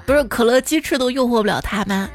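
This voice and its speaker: A woman's voice: on the high side, fast, faint music behind. A woman radio host reading out listeners' funny stories about children, with teasing comic asides and playful imitations of the kids. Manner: playful teasing commentary, lively mimicking of children's lines.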